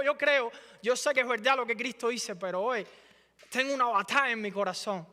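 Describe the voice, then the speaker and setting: A male pastor preaching a sermon with fervor, his voice climbing toward near shouting at the peaks. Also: high voice. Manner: impassioned preaching, rising to near shouting at climaxes. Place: church sanctuary. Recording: live church hall with reverb and soft music.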